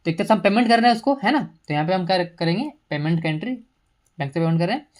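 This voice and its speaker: A woman teacher giving a step-by-step software tutorial at her computer, explaining each entry while mixing English terms into her speech. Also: fairly low pitch, animated, very fast. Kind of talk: screen-recorded software tutorial.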